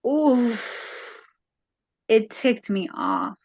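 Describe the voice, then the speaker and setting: A woman as a counseling client, retelling a home conflict haltingly with many fillers, her voice rising when upset. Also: medium pitch, no echo, lo-fi sound. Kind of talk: emotional retelling in a counseling session.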